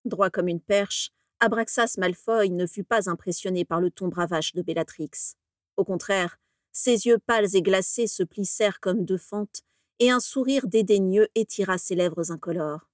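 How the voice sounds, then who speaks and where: A woman narrating a story in a measured, steady audiobook reading. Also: medium pitch, dry recording, studio quality.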